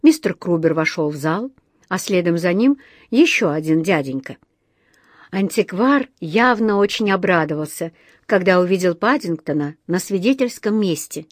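A woman narrating a children's story in a lively audiobook reading. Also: lowish voice, normal speed, no room sound, clean studio sound.

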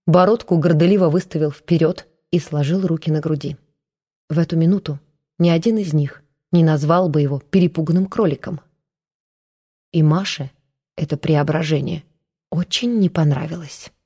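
A woman reading an audiobook, narrating with even, dramatic storytelling. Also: low-pitched, moderate pace, husky.

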